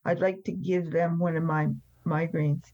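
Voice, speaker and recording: An elderly Frenchwoman in her 70s or older appears as an interview guest and recovery speaker, recounting her own story in a blunt, emphatic manner. She speaks at a normal pace with a fairly low, steady, warm voice and no echo. The sound is slightly dull and band-limited.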